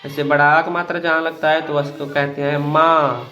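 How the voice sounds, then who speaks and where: A man teaching beginners to read Hindi, patiently repeating each word slowly and addressing viewers as friends. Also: on the high side, level tone, bright, forceful tone, lo-fi sound.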